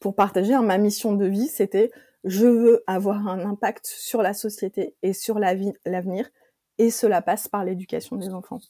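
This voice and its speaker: A woman talks through a casual interview with a mellow, dark voice that trembles and cracks from an allergy. She fills her speech with hesitations and restarts. The sound is dry and close. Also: medium pitch, steady tone, moderate pace, no echo. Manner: talkative, many fillers and restarts. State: voice weak and shaky from allergy. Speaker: app founder, guest.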